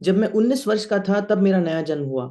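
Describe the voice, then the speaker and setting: Male sermon interpreter, high-pitched, mellow tone, steady line-by-line delivery. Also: fast talker.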